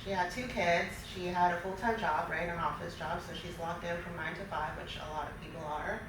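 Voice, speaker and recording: A woman's voice: fairly low pitch, fairly even intonation, fairly quick. A middle-aged woman, chatting informally and giggly as an interview guest. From Queens, New York. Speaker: interview guest, small business owner. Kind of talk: casual talk show interview. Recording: very echoey room, distant mic, noisy.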